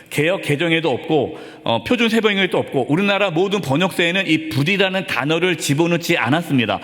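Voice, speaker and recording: Animated preaching man in a reverberant church. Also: fairly high pitch. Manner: earnest, conversational preaching with acted asides. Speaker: pastor. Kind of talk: sermon. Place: church sanctuary. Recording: long reverb of a church hall.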